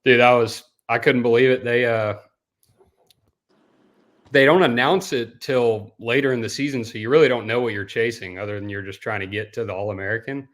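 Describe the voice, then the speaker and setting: A young man from Denmark, guest on a casual podcast interview, talking in a relaxed, rambling way and saying dude often. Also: mid-range voice, fairly quick. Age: young adult. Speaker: guest, professional bass angler.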